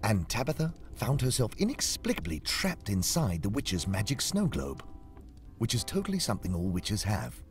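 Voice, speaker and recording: A man's voice: fairly low pitch, wildly swooping pitch, normal speed, soft background music. A man narrating a comic storybook game in a wry, sardonic, theatrical way.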